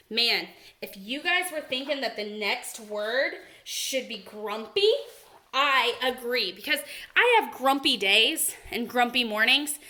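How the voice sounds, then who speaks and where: A young woman teaching second graders a word lesson, animated and sing-song, gasping with excitement as she talks to the children. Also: high-pitched. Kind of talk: remote read-aloud lesson for young children.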